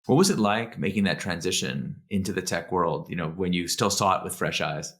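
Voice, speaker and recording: A man's voice: sits low, fairly quick, fairly bright tone. A man hosting a podcast, asking short, curious interview questions. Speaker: podcast host.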